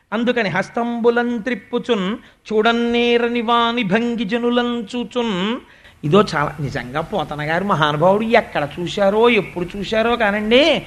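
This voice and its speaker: A man giving a devotional discourse, telling stories with animation and reciting verses slowly. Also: high-pitched, a bit bright. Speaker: spiritual discourse speaker.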